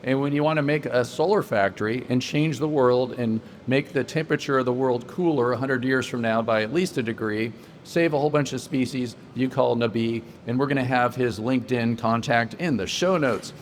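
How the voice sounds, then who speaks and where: A man's voice: mid-range voice, normal speed, hardly any pauses, a little hiss or hum. A man hosting a podcast interview at a solar conference, upbeat and joking, with promotional plugs. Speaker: podcast host. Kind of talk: casual interview.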